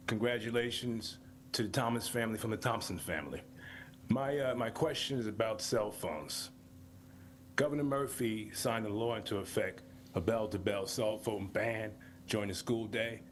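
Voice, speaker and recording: A man's voice: fairly low pitch, slight background noise. A man, out of breath, giving a parent's public comment at a school board meeting, asking direct questions with slight stumbles.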